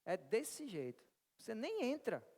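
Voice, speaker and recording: Speaking a little slowly, a high-voiced Brazilian man preaches a lively, interactive sermon. He keeps engaging his congregation through jokes and questions, his words echoing with a church hall's long reverb.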